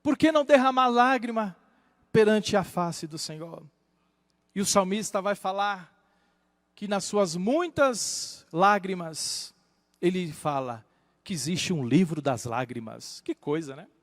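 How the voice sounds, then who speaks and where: A male pastor preaching a sermon, moving between hushed low asides and loud rising exclamations. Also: animated, unhurried, dry recording, big-room sound.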